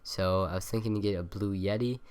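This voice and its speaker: A young man talks briskly in a low-pitched, nasal voice with a smooth, darkish tone, rambling through a casual game tutorial voice-over with plenty of ums and self-corrections. He records on a cheap USB desk mic by the keyboard.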